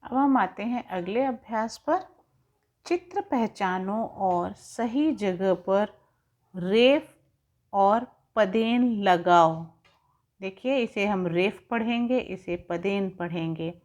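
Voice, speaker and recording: A woman teacher giving a recorded lesson to young pupils, slowly spelling out and stretching sounds to show how words are said. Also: mid-range voice, a little mellow. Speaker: primary school teacher. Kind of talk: slow, carefully articulated recorded lesson. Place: home, recording an online class. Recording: dull lo-fi recording.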